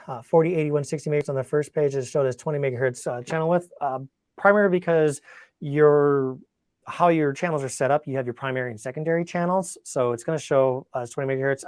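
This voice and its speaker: This medium-pitched male voice belongs to a webinar presenter and product demonstrator who runs an informal technical session, answering questions and thinking aloud conversationally. There's no echo on the audio.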